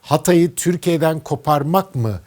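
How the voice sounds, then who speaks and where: A man's voice: fairly high pitch, measured pace, a little mellow. A man with a Turkish accent interviewing a guest, asking earnest, probing questions about politics.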